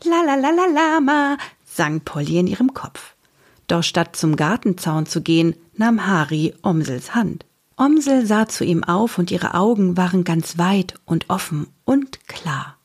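A woman reading a children's book aloud in a lively, expressive way, later turning to speak to the author. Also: lowish voice, unhurried, breathy edge. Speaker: narrator and host.

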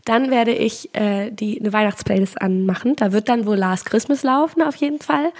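Woman in her twenties, hoarse smoker's rasp, middle pitch, casual podcast chat, self-ironic joking. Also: normal speed. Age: 20s. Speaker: podcast co-host.

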